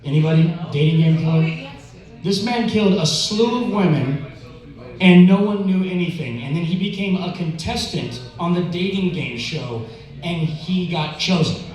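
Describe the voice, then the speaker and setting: A man's voice: sits high, normal speed, darkish tone. A man doing amateur stand-up at an open mic, casual, profane and slangy, with hesitant, stammered repeats. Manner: hesitant, with stammered repeats and filler-laden stalling. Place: indoor open mic venue. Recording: very echoey room, distant mic.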